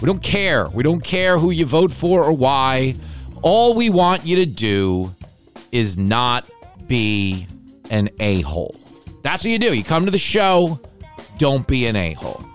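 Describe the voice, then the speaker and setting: A man's voice: medium pitch, big pitch swings, measured pace, faint music behind. Ranting, sardonic male podcast host. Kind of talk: casual comedic monologue.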